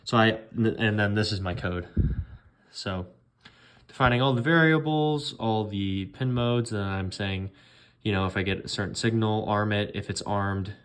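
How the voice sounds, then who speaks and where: A man's voice: fairly low pitch, a little slow, a bit bright. Casual young man showing off a gadget. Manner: informal, rambling, with fillers and trailing off. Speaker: hobbyist demonstrating an electronics project. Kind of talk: casual show-and-tell.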